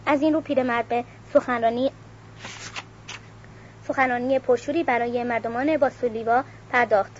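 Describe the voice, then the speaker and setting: A woman reading a novel aloud at a measured pace, announcing page numbers, on a dull recording with faint hiss. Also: on the high side, fairly even intonation. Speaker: audiobook reader.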